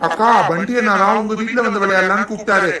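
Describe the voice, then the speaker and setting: A man's voice: sits high, fairly even intonation, fast talker, very echoey, recorded from a distance, crowd noise, lightly acted. A man voicing cheeky, boastful young boys in a cartoon, talking in a bold, teasing and argumentative way. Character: cheeky young boy playmates, boastful and quarrelsome. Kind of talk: cartoon dubbing.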